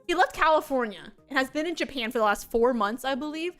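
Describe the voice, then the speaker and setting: Young woman vtuber rambling through stories, high voice, lots of giggles. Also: expressive, quick pace, a bit bright, faint music behind. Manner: rambling and giggly, with frequent laughs and filler words. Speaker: VTuber streamer. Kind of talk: casual chat stream, storytelling.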